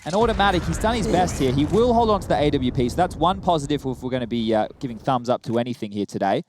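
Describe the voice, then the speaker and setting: Male analyst, rapid-fire tactical breakdowns, faint noise floor. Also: medium pitch, lively intonation, a little mellow. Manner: explains tactics in long runs, often adding "right?". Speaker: esports analyst. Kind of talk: analytical commentary.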